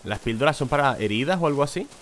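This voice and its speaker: A man's voice: medium pitch, animated, quick pace, a bit bright, a little hiss or hum. A man commentating his horror game session, jumpy and swearing, reading item names aloud. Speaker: gaming video host. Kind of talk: let's play commentary.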